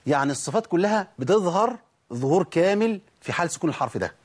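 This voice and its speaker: A man's voice: high voice, animated, fast talker, slightly rough. A man with an Egyptian accent teaching Quran recitation, asking questions and answering them himself, and repeating words to show how letters sound. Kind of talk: recorded recitation lesson.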